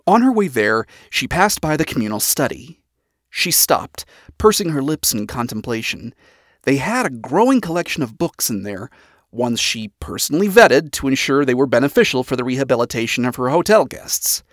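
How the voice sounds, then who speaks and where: An audiobook narrator reading a story chapter, with a lot of movement in the pitch. The delivery is expressive and lively, and the recording is close and dry with no room sound. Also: normal speed, no echo. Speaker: audiobook reader. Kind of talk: read-aloud story narration.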